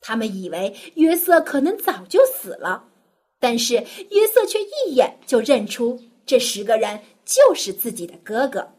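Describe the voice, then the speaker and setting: A young woman narrating a children's Bible story, gently and expressively, as a storyteller speaking to a child. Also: a little high, sing-song, normal speed.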